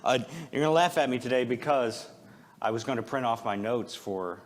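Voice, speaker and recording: A pastor delivers an informal, conversational sermon to a congregation at a church service, joking, poking fun at himself and asking rhetorical questions. His medium-pitched voice moves at a moderate pace, with slight background noise.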